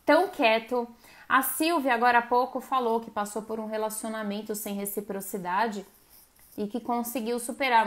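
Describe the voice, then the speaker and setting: A woman's voice: medium pitch, a bit bright. A woman hosting a live stream. She gives a casual motivational talk and speaks straight to her viewers. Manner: conversational, addresses viewers directly and acts out quoted voices.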